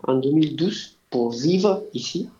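Slightly high, animated and mellow, this male voice comes from an interview guest from Argentina, the founder of a radio project. He answers hesitantly, often searching for words and relying on many fillers, with dull lo-fi sound quality.

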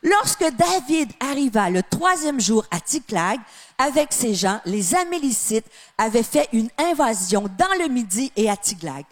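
A Canadian woman with a light Québécois accent preaches a sermon in a high, bright, sing-song voice to a church audience both present and online. She presses hard on key phrases and draws them out, then drops suddenly into soft, hushed lines.

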